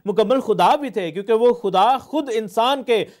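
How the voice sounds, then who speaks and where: A man's voice: extremely high pitch, normal speed, a little mellow. A man, a pastor teaching a sermon, explaining word meanings with frequent hesitations and English phrases mixed in.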